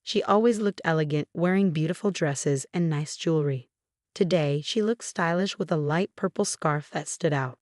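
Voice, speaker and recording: A woman narrating a first-person story in a calm, even way, her voice set fairly low. The recording is dry and close, with no room sound. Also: normal speed, no echo.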